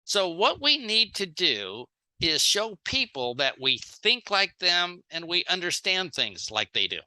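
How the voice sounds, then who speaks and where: The audio is poor, but the seminar speaker sounds very bright and animated, with a medium pitch and a slow pace. Giving a sales training talk, he is plain-spoken, acts out short dialogues, and pauses between short phrases for an interpreter.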